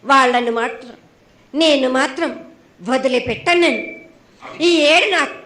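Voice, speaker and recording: A woman's voice: sits high, normal speed, bright, forceful tone, reverberant. A woman with a Telangana accent speaking as an oracle in a prophetic trance voice, sternly admonishing in short, repeated phrases. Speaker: oracle delivering annual festival prophecy.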